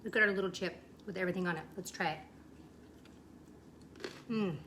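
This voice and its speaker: Demonstrating a recipe in her kitchen, a woman hosts a casual cooking show and speaks fairly quickly in a lowish voice. Heavy noise fills the background as she chats enthusiastically to viewers, addressing them as "you guys."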